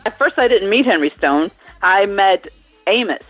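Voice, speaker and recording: A woman's voice: medium pitch, animated, moderate pace, no room sound, faint music behind. A woman guest singer telling stories in a casual interview, laughing often and acting out the voices of people she quotes. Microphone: phone line. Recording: tinny phone line.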